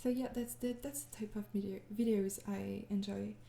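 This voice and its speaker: With vocal fry and fairly even intonation, her medium-pitched voice moves at a moderate pace through an echoey room. She's a young French ASMR creator in a gentle, casual fan Q&A, tired and apologetic, hesitating, laughing quietly, and slipping into whispers.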